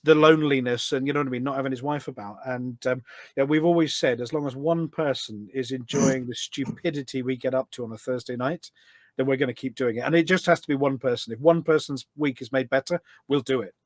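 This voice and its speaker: Here a man with a mid-range voice and fairly even intonation talks quickly, with no echo in the recording. He's a podcast guest who also presents a community radio show, rambling chattily through anecdotes and acting out quoted remarks.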